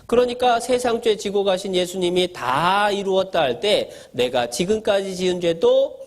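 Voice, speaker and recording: A man's voice: high voice, animated, moderate pace. A male pastor giving a sermon to children, asking them questions and answering them himself, in a simple, playful storytelling way. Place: church gathering for children.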